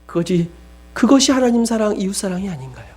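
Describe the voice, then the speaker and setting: A young adult man preaching a sermon, swinging from loud pleading questions to hushed, almost whispered lines. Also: high-pitched, big pitch swings, fast talker, breathy edge.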